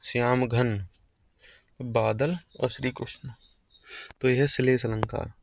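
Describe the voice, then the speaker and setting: A man's voice: medium pitch, little pitch movement, slow pace, vocal fry, slight background noise. A man teaching an exam-prep grammar lesson, explaining patiently and repeating key phrases.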